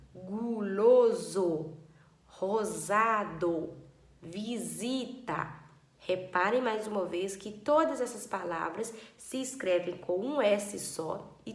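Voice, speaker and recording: A woman teacher takes a young class through a spelling lesson. She talks at an unhurried, slow pace and stretches words out to sound them. The recording has a roomy echo around her. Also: medium pitch, darkish tone.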